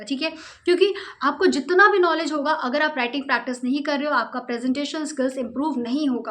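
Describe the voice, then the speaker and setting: A woman's voice: high voice, bright, forceful tone. A young woman giving exam study tips straight to students, coaching and firm, often checking in with "okay" and mixing English phrases into her talk. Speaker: study advice host.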